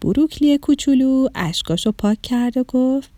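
A woman narrating a children's story in an expressive, gentle storytelling voice. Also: high-pitched, dry recording.

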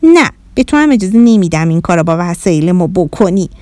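A woman's voice: lowish voice, very animated, a little mellow, dry recording. A woman voicing a young girl who earnestly explains manners and scolds. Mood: instructive. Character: young girl, bossy and polite-minded.

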